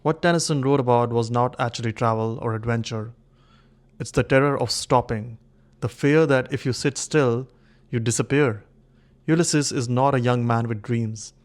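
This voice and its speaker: A man giving an earnest scripted narration in a brisk, storytelling manner with clipped pauses. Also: medium pitch. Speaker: video essay narrator.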